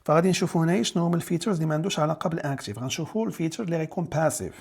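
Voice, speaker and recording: A Moroccan man teaches an exam-prep lesson, switching between Darija and English terms. His voice is husky and a little high for a man. He talks quickly, and he repeats and rephrases each key term so it sticks. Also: expressive, darkish tone. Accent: Moroccan Arabic.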